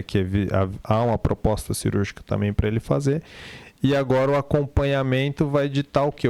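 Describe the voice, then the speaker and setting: A man's voice: mid-range voice, darkish tone, dry recording. A man with a Brazilian accent giving an informal surgical case presentation, conversational and explanatory, often rephrasing himself.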